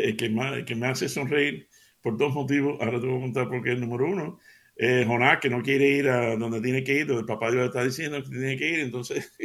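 Gravelly man telling Bible anecdotes. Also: mid-range voice, fairly bright tone. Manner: chatty storytelling, laughs at own jokes. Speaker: preacher. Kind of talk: conversational sermon with anecdotes.

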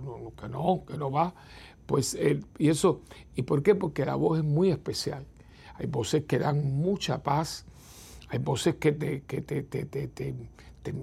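A priest talks to his audience in a relaxed, reflective chat, with a gravelly, husky edge to a fairly high voice. His tone is dark and mellow, and he often repeats himself and checks in with short questions. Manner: unhurried and reflective, repeats words and adds tag questions. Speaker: priest hosting a program. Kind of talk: conversational talk to viewers.

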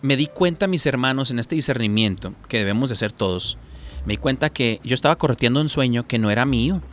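A man's voice: medium pitch, lively intonation, fast, a little hiss or hum. A man with a Mexican accent, a talk-show guest giving a personal testimony, rambling with many fillers and restarts.

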